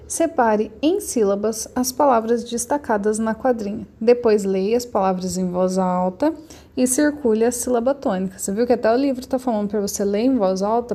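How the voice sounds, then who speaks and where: Woman primary teacher, patient step-by-step explainer, gravelly and mellow voice, remote lesson. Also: fairly high pitch. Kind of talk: remote class walkthrough of a textbook.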